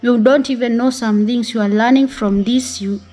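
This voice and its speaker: A woman with an East African accent talking casually to the camera as a vlogger, hesitant, with frequent pauses and "you know" dropped in. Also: on the high side, steady tone, dark tone, soft background music. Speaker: YouTube vlogger.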